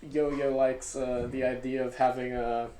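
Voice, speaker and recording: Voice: medium pitch, level tone, a little slow, mellow, echoey room, slight background noise, rough recording. A podcast co-host in casual comedy chat, rambling and hesitant with many filler words, on a makeshift microphone. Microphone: makeshift microphone, not the usual one.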